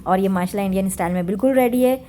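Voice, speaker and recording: A woman's voice: medium pitch, rapid-fire, warm tone, slight background noise. Chatty woman narrating home cooking. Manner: chatty, homely, mixes English words in. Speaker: cooking vlogger. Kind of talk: casual voice-over narration. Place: home kitchen.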